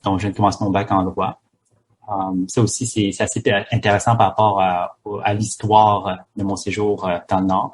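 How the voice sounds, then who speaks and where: A man's voice: lowish voice, level tone, normal speed, slight background noise. A man, a pharmacist guest speaking in a hesitant way with many fillers and restarts. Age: 30s. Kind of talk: casual interview talk.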